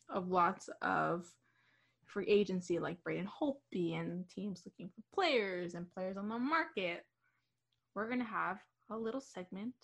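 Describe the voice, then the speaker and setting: A young woman co-hosting a hockey radio show, chatting casually with many fillers and quick laughs. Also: medium pitch. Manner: chatty, giggly, with fillers and restarts. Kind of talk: casual sports chat.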